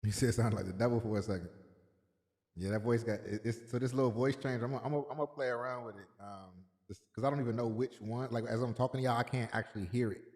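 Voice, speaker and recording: A man's voice: medium pitch, steady tone, fast talker, darkish tone. A man hosting a casual livestream, speaking in a mid-range voice. He talks loosely and repeats himself, calling out viewers by name. A long, echoey reverb trails each phrase. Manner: loose and repetitive, greeting chat viewers by name. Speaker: livestream host.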